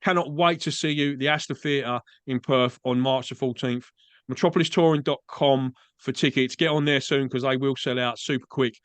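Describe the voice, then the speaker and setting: With a steady, medium-pitched voice at a moderate pace, an Essex man from England chats amiably through a podcast interview set in Australia, dropping "mate" often. There's no echo on the recording.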